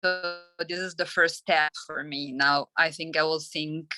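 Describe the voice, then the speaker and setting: A woman in a meditation class, sharing a personal reflection in a hesitant, halting way. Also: low voice, steady tone, rough recording. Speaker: class participant. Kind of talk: sharing in a group discussion.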